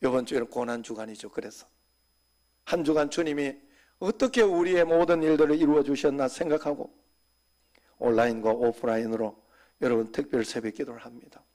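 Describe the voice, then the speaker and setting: A man preaching a sermon as senior pastor, talking conversationally and dropping suddenly to soft, quiet asides. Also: medium pitch, fairly quick.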